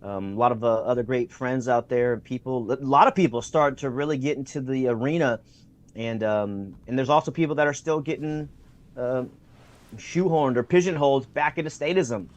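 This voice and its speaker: Over a remote video call, a medium-pitched man tells stories in an interview. He's enthusiastic, uses lots of fillers, and acts out what others said to him.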